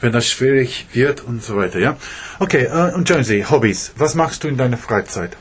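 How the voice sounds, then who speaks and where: A man's voice: medium pitch, animated, fairly quick. A male teacher asking a student questions in an oral practice session, prompting often with short encouraging sounds. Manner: encouraging prompts, many mhms.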